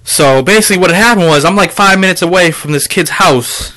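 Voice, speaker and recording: A man with a bright, fairly high voice rants casually to his viewers. He rambles through a story, swearing freely and leaning on fillers like "you know". The delivery is loose and conversational. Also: fairly quick. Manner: addresses viewers directly. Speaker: video game collector vlogger. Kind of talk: casual ranting vlog.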